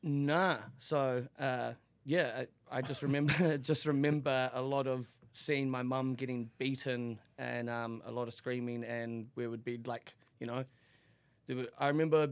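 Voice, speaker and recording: A man from Auckland with a New Zealand accent is a podcast guest, sharing candid personal stories casually in a giggly, rambling, slangy way. His mid-range voice holds a steady tone at a slightly slow pace.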